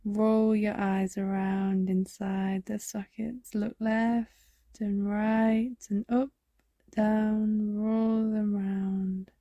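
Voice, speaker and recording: Slow, soft-spoken meditation guide woman. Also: mid-range voice, little pitch movement, no room sound. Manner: slow, soft, soothing, drifting into whispers. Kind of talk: guided body scan meditation.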